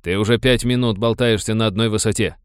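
A man's voice: lowish voice, steady tone, fast, clear, resonant tone, no echo, clean studio sound, close to an everyday voice. A man voicing a grumbling, pushy male pirate first mate.

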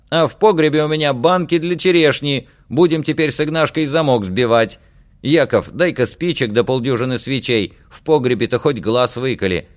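Shrill scolding village wife read by a male narrator, loud and indignant, audiobook. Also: natural voice. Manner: shrill, complaining shouting.

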